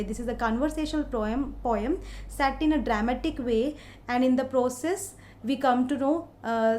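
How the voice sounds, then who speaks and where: A woman from India with an Indian English accent, giving a literature lecture in a slow, explaining way with many hesitant fillers. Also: fairly high pitch, a little mellow, a little hiss or hum. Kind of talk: recorded lecture.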